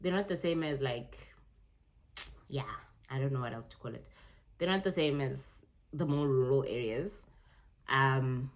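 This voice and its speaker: A woman's voice: rumbling low, measured pace, long pauses. A young South African woman with a South African accent, reacting casually to tweets in a chatty, self-correcting way, often laughing. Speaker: vlogger.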